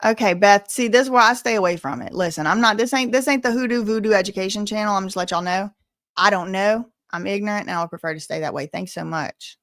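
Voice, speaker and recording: Talking fast in a mid-range, fairly bright voice, an American woman from Louisiana works through viewer messages on her casual stream, sassy and colloquial throughout. Sound is dry and studio-clean.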